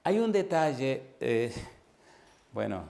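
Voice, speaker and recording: Pastor guy preaching, keeps asking yes or no, reads verses slow, goes loud then real soft. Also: medium pitch, very animated, gravelly. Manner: preaching with repeated call-and-response questions, swinging from loud to hushed; reads scripture aloud slowly and deliberately. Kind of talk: sermon.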